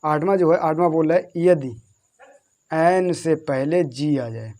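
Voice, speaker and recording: Man slowly drilling spellings, somewhat high voice. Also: dark tone. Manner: repetitive, drills words slowly letter by letter; asks questions and answers them himself. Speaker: teacher. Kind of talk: classroom-style lesson on English spelling.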